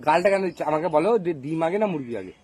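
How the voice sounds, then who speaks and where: A man's voice: on the high side, expressive, quick pace, a little mellow, husky. A man from Bengal running a prank interview, teasing and repeating the same question over and over.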